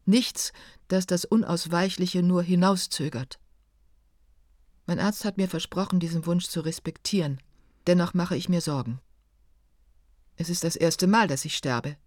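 A woman reading a first-person narration in a calm, measured, reflective way. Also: on the low side, dry recording, clean studio sound. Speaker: audiobook narrator.

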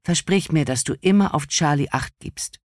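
A man's voice: a little high, moderate pace, dry recording, studio quality, natural voice. A stern mother, read by a male narrator. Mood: earnest, urgent. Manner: firm, insistent. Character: stern worried mother, older woman.

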